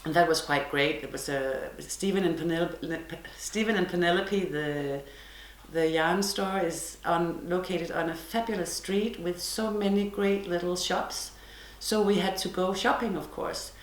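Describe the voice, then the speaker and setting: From her living room, a woman from Denmark delivers a relaxed, self-deprecating podcast monologue to camera in her Danish accent. Her voice is lowish, fairly even and unhurried, with a roomy, rough recording.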